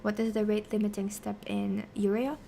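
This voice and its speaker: A woman's voice: medium pitch, flat delivery, normal speed, gravelly, mellow, a little hiss or hum. A woman explaining science casually on a study stream, posing questions and answering them, half talking to herself as she works through them. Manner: talks to herself while working through answers. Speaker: streamer teaching biochemistry.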